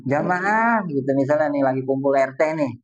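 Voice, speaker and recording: A man's voice: fairly high pitch, lively intonation, a little fast. A man preaching a casual, colloquial sermon to a congregation, earnest and speaking directly to his listeners. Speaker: Islamic preacher. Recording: distant dull lo-fi recording.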